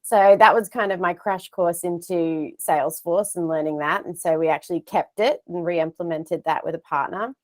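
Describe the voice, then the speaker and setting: A woman's voice: fairly low pitch, moderate pace, hardly any pauses, a little mellow. An Australian woman in her thirties, telling her career story in a chatty, self-deprecating way over an earphone mic on a video call from a home office. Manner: chatty, self-deprecating, gestures while talking. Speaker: guest speaker. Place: home office with shelves of plush toys.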